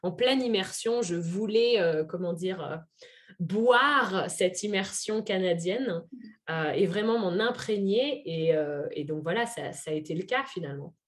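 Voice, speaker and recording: A woman's voice: lowish voice, lively intonation, measured pace. A woman from France with a French accent touched by Québécois, an earnest podcast guest who talks with many fillers and restarts. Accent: French, picked up some Québécois. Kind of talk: casual podcast interview.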